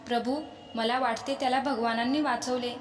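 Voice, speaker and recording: A woman's voice: fairly high pitch, steady tone, moderate pace, a little hiss or hum, lightly acted. A woman voicing a cautious royal minister who urges and persuades, in an echoey space with a long reverb. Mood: urging.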